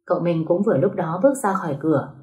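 Woman narrating a story, a bit low. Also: fast, darkish tone, poor audio.

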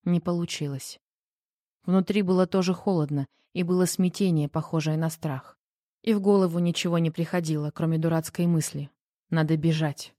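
A woman narrating an audiobook in a quiet, subdued reading voice. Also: on the low side, no echo, clean studio sound.

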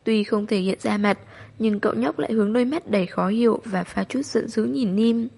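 A woman storyteller giving an audiobook narration of a novel in a steady, expressive reading. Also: a little high, brisk, creaky, breathy edge.

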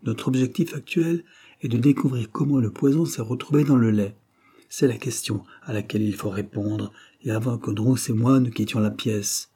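A brisk, self-assured detective, pressing his point with insistent authority, as a man reading the story puts him on. The voice has a husky grain with a darker tone, lifted higher than the narration. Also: mellow, natural voice. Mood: firm. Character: brisk confident male detective.

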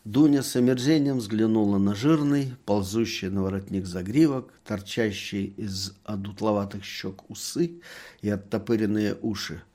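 A man's voice: fairly low pitch, moderate pace. A man narrating a literary story aloud. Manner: expressive storytelling. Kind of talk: literary audiobook reading.

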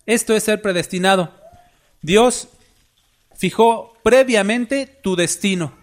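A man's voice: sits high, slow pace. A man preaching a sermon, emphatic and full of rhetorical questions to the congregation.

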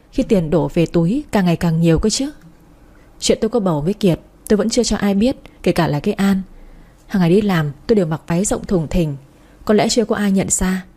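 A woman's voice: medium pitch, mellow, breathy edge. A woman reading a first-person story in a confiding, emotional manner. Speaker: story narrator.

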